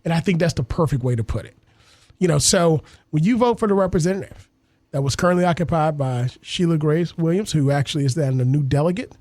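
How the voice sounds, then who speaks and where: A man hosts a local radio talk show. He speaks earnestly in a slightly raised pitch. His voice is dry and close to the studio microphone. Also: fast talker, a little mellow, no room sound. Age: 30s. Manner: earnest, civic-minded, repeats words while thinking. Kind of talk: radio interview and commentary.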